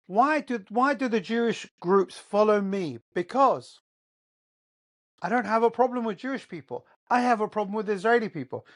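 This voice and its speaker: Here is a high-pitched, slightly bright male voice moving at a moderate pace. The podcast host, English-accented and originally born in Qatar but raised in England, holds forth alone, emphatic and full of rhetorical questions.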